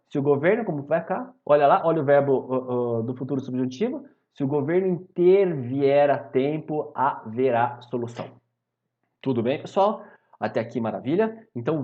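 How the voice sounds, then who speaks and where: A man's voice: on the high side, muffled recording. A man with a Brazilian accent teaching grammar in a video lesson, often checking in with his students. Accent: Brazilian Portuguese. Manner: animated, repeats "maravilha?" and "tá?" to check in with students.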